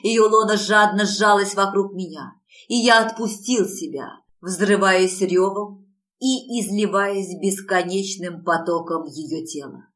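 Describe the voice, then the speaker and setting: Soft-voiced woman narrating an audiobook. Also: mid-range voice, a little slow, poor audio. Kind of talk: scripted first-person romance narration.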